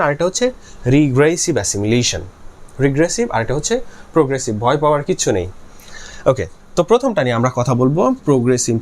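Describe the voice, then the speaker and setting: Male tutor, slightly high, animated delivery, repeats words to demonstrate sounds. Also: a little hiss or hum. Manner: repeats words aloud to model sounds, asks and answers own questions. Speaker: linguistics tutor. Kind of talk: explanatory lecture.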